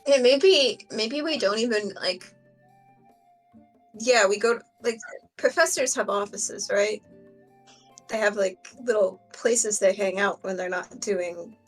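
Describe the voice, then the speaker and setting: A woman's voice: mid-range voice, takes it slowly, faint music behind, rough recording. A young woman playing a tabletop game, giggly and chatty, asking many questions. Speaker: player. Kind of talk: casual tabletop play.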